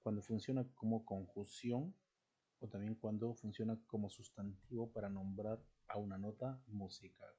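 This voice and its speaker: A man with a husky, mellow voice teaches a recorded grammar lesson. He explains step by step and keeps checking in with quick rhetorical questions. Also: fairly low pitch, fairly even intonation, highs cut off.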